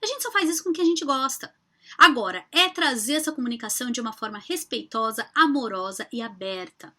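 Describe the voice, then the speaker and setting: A woman's voice: fairly high pitch, lively intonation, a little fast, sharp tone. A woman therapist in casual vlog talk, affectionate and emphatic, asking her viewers rhetorical questions. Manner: affectionate, addresses viewers as "amores".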